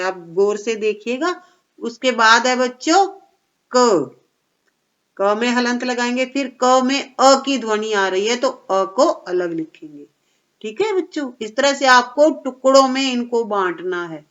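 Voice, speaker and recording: A woman teaching young children a worksheet step by step, patient and explaining slowly, often checking that they follow. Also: on the high side, a bit bright, highs cut off.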